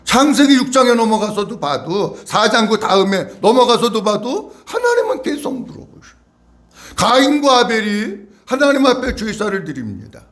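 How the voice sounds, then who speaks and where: A male pastor preaching a sermon in a church, asking the congregation to repeat after him and acting out questions in a slow, drawn-out voice. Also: extremely high pitch, sing-song, a bit bright. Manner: acts out God's questions in a slow voice. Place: church sanctuary.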